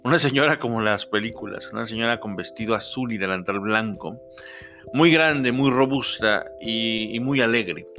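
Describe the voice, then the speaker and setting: A young Mexican man with a Mexican accent, telling a personal travel story in a relaxed, chatty way with many fillers. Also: fairly low pitch, moderate pace, faint music behind. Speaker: podcast storyteller. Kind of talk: first-person travel anecdote.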